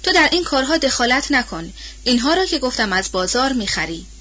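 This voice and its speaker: A spoiled young woman, read by a woman narrator gives orders in cool, formal storybook speech. The voice is on the high side. The sound is dull and lo-fi. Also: very animated, fairly bright tone, heavily acted. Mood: commanding. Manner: cool, bookish commands. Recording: dull lo-fi recording.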